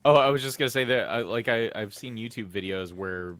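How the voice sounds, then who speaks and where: A man's voice: mid-range voice, a little fast, fairly bright tone, no room sound. A man in casual podcast chat, laid-back, with short interjections that trail off.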